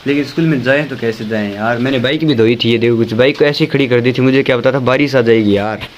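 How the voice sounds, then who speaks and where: A man's voice: mid-range voice, fast, dull audio, slight background noise. A man casually chatting through a vlog, moving between his home and the lane outside during rain and constantly pointing things out to his viewers. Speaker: vlogger.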